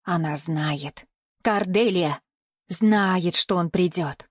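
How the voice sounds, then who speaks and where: A woman reading an audiobook and voicing an old, half-mad grandmother who sees spirits, speaking lower and slower in a hushed tone. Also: dry recording, studio quality. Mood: eerie, cryptic. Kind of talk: audiobook character voice.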